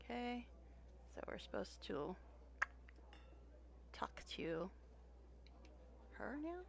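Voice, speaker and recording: A woman's voice: mid-range voice, very animated, extremely slow, gravelly. A woman game streamer giving casual, chatty, playful commentary as she plays. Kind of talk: casual gameplay commentary, reads dialogue aloud. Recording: faint background noise.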